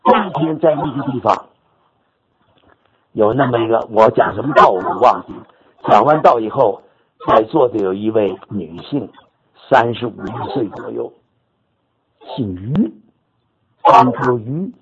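An older man preacher telling a story in his sermon, animated and repetitive, rising to sudden high exclamations. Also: a little slow, long pauses, crowd noise. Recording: dull lo-fi recording with audience noise.

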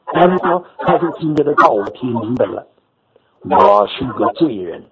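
An older man preacher telling a story in his sermon, animated and repetitive, rising to sudden high exclamations. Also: normal speed. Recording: dull lo-fi recording with audience noise.

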